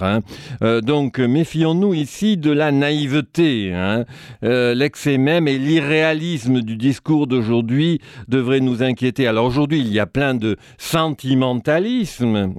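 Guy musing like a professor, smooth resonant voice, dry close sound, keeps saying hein and vous voyez. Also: mid-range voice, darkish tone, no room sound. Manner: fond of wordplay and quotations. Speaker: commentator on a broadcast series. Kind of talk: reflective spoken commentary.

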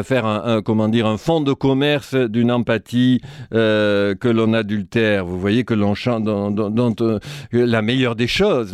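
A man's voice: mid-range voice, darkish tone, clean tone, no echo, studio quality. A man giving reflective spoken commentary in a professorial manner, tagging his phrases with little asides and playing on words. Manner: professorial, tags phrases with "hein" and "vous voyez"; fond of wordplay and quotations. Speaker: commentator on a broadcast series.

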